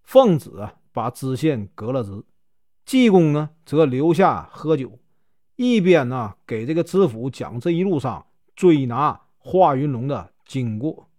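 A man telling a folk tale with a Northeastern Mandarin accent, chatty and full of drawn-out fillers. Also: mid-range voice, big pitch swings, darkish tone. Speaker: storyteller.

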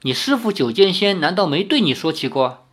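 A man's voice: high-pitched, sing-song, a little fast, fairly bright tone, full character voice. Man doing a grave aging sword master. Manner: heavy sighing, grave. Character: stern aging male martial arts leader.

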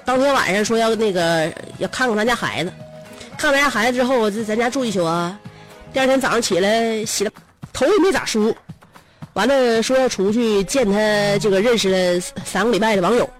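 A woman's voice: a little high, fairly quick, soft background music. A woman radio host with a Northeastern Mandarin accent, chatty and teasing, telling a story with frequent laughs.

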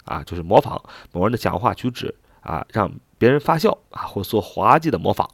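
A man with a lowish voice teaches vocabulary in a patient, explanatory way. His pitch moves a lot as he spells each word out letter by letter and repeats it. The recording is dry and close, with no room sound. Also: very animated, fairly quick, vocal fry, a bit bright, slightly rough, no room sound. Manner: patient, step-by-step explaining with filler particles.

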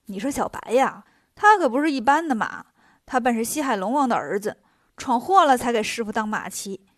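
A cocky, teasing monkey-monk with a short temper, as a woman storyteller plays him. The voice is fairly high and dry. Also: lively intonation, brisk, no echo. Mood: brash. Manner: brash, teasing.

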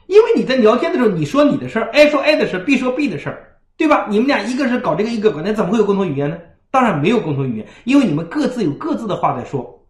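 A man's voice: high voice, very fast. A man giving a parenting lecture on a livestream, often checking in with his listeners with "right?". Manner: animated, keeps asking the audience "right?". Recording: roomy echo.

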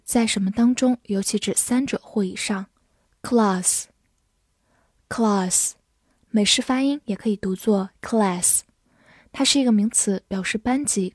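A female English teacher reading vocabulary words slowly and deliberately, repeating each word before its part of speech and meaning. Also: mid-range voice, warm tone, slightly rough, no room sound, clean studio sound. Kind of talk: vocabulary drill.

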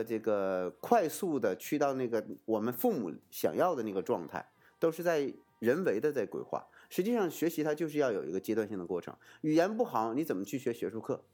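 A man speaking in a casual, explanatory way, like an advisor talking someone through a choice. His pitch swoops up and down freely, which makes him sound lively. He poses rhetorical questions and answers them himself, and his sentences keep restarting around little fillers. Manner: animated, swooping intonation.

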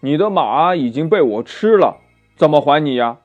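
A man's voice: on the high side, animated, moderate pace, a little mellow, lo-fi sound, faint music behind. Man doing a sulky, defiant dragon. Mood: indignant.

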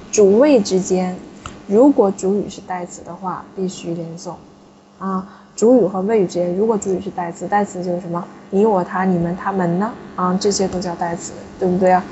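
Woman, classroom teacher, patient explainer, mellow tone, lo-fi sound. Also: mid-range voice, fairly even intonation, normal speed, a little hiss or hum. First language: Chinese. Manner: patient, explanatory, frequent tag questions. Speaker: French teacher. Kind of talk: classroom lesson.

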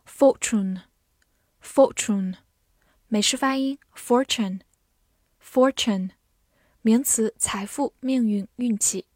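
A woman teacher reviewing vocabulary, saying each word twice in a clear, careful way before giving its meaning. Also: on the high side, steady tone, measured pace, hardly any pauses, darkish tone, no echo, clean studio sound.

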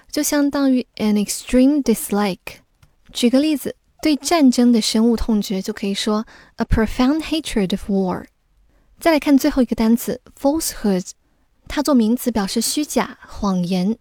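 A woman gives a careful, scripted vocabulary lesson, going over each word clearly. Her voice sits a little high, with a mellow, warm tone. It is recorded close up in a dry, dead room. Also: dry recording. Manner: explains words slowly and clearly, mixing in English. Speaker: English teacher.

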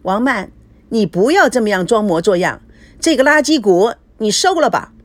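A woman's voice: medium pitch, expressive, moderate pace, dry recording, lightly acted. A woman voicing a furious, jealous young wife who shrieks and sneers at her rivals. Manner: shrieking, scornful.

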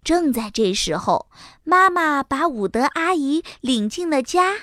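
A woman narrating a children's storybook in a lively, expressive, unhurried way. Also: sits high, no echo, studio quality. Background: children's music.

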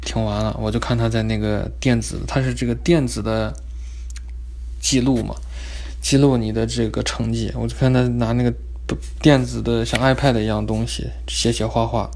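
A young man telling a story in an animated, comic, chatty way. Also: medium pitch, moderate pace. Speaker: vlogger. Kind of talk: casual storytelling.

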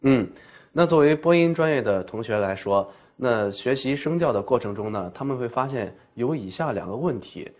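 A man co-presenting a pronunciation lesson, asking questions and summarizing points in a measured way. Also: mid-range voice, animated. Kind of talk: scripted teaching dialogue.

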